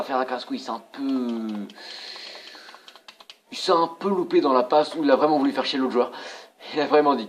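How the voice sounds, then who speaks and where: A young man casually commentating his own football video game for viewers, excitable and prone to swearing. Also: medium pitch, a little hiss or hum. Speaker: gaming channel host.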